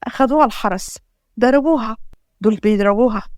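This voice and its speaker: A woman's voice: fairly high pitch, a little fast, darkish tone, dry recording, studio quality. A woman with an Egyptian accent narrating a family drama story and reading every character herself. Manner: reads every character herself with little change of voice.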